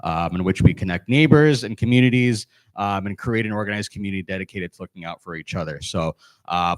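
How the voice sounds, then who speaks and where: A man who runs a neighbourhood watch program, briefing a community meeting in a brisk, informal way with many ums. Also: on the low side, no echo. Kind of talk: public briefing.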